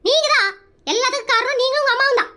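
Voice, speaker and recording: Cartoon comedy: performer as a frazzled, nagging mother, very high and fast, all threats and scolding. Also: steady tone, bright, forceful tone, exaggerated voice. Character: scolding frazzled young mother, shrill temper. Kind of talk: Tamil cartoon comedy dub.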